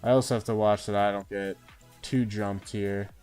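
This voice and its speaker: A man's voice: on the low side, steady tone, normal speed, a little mellow, clean tone, faint music behind. A man giving casual live commentary as he streams a game, thinking aloud and often tagging on "uh" and "right?".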